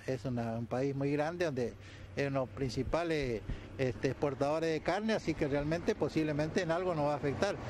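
Older Argentine man, higher-pitched voice, outdoors. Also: a little mellow. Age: 60s. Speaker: interviewee, head of a rural producers' society. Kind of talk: TV news interview, spontaneous answers. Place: outdoors beside a building. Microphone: handheld reporter's mic, through a face mask. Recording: outdoor news recording with faint ambient noise.

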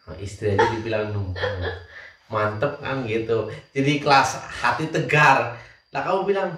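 A man's voice: fairly low pitch, fairly even intonation, unhurried, fairly bright tone. A man teasing his wife in a casual family chat and laughing often. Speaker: husband and show host. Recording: roomy echo from a distant mic.

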